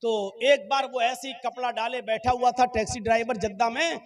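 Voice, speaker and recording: High-voiced man telling a sermon story. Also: fairly quick. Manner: animated, acts out dialogue. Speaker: Islamic preacher.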